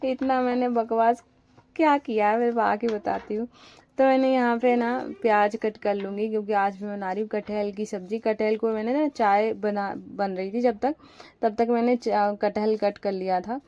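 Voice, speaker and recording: A woman's voice: medium pitch, dark tone, dry recording, highs cut off. A young woman narrating her household chores in a chatty, rambling home voice-over while sick with a fever. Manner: chatty and rambling, frequent fillers. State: feverish and weak. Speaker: home vlogger.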